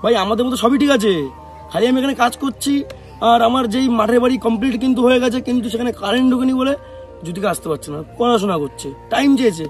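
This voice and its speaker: A man's voice: very high-pitched, quick pace, soft background music. A young man from West Bengal, a vlogger talking casually to the camera, answering comments in a defensive way with many rhetorical questions. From West Bengal, India. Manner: defensive, rhetorical questions, calls viewers bhai.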